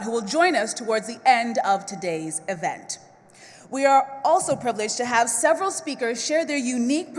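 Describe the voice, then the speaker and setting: Higher-voiced woman hosting in a reverberant hall. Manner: tearful, fighting back tears. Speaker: event host, TV co-host. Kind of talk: emotional event speech. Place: large event hall.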